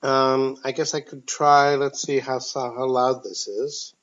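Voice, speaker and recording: A man leads a discussion class through a speakerphone on a phone call. He is thoughtful and hesitant and fills his pauses with ums. His medium-pitched voice sounds dull and lo-fi over the line. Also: flat delivery, a bit bright. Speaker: teacher. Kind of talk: leading a text discussion class.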